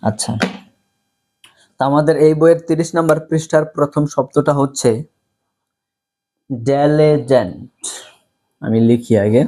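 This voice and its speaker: A man's voice: a little high, a little fast, dark tone. A man teaching English vocabulary, patiently repeating each word several times for students to copy. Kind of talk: slow vocabulary lesson, repeat-after-me drills.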